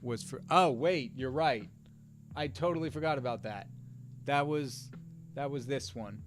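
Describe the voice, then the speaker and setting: A man's voice: medium pitch, unhurried, faint music behind. Easygoing man chatting on a live stream. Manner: easygoing and rambling, with frequent fillers and chuckles. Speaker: artist and voice narrator hosting a live drawing stream. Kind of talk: casual live-stream chat while drawing.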